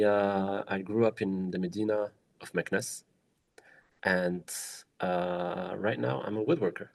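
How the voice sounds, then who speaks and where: A young man from Morocco, a woodworker, speaking thoughtfully in a documentary interview, with many pauses, fillers and restarts. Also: sits low, dry recording. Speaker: woodworker and small business founder.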